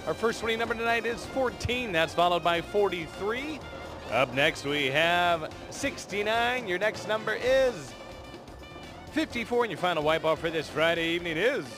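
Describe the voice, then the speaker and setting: An American man works as a lottery draw host over a clear music bed. His voice sits high, and he presents in an upbeat scripted style, stretching out each announcement for suspense. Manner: announces numbers with drawn-out suspense. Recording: loud music bed behind voice.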